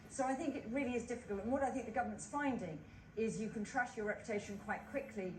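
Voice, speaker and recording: A woman's voice: a little high, fast talker, a little mellow. A woman commentator giving considered, somewhat hesitant political analysis on a live broadcast panel. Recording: roomy, distant, clearly noisy broadcast.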